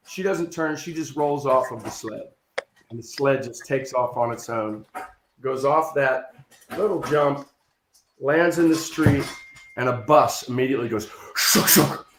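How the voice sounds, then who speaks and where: A man telling a funny childhood story in a casual chat, animated and building to loud punchlines. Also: medium pitch, roomy sound, a little hiss or hum. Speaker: improv comedian telling a story. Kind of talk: casual storytelling on a video call.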